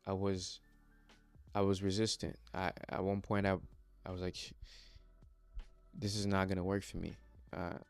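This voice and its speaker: A young Congolese vlogger from the Democratic Republic of the Congo, a non-native English speaker, talks in a low-pitched, level, smooth voice at a measured pace with long pauses. His motivational personal vlog is earnest and hesitant, peppered with fillers and restarts. Soft background music plays, with no echo.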